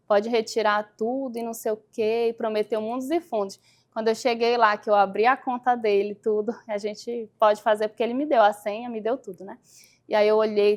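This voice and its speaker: A Brazilian woman lawyer talking in a casual interview. Her voice is firm and blunt, and she tells stories with plenty of acted-out quotes. She sounds sure of herself and doesn't soften her words. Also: medium pitch. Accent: Brazilian Portuguese. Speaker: lawyer guest.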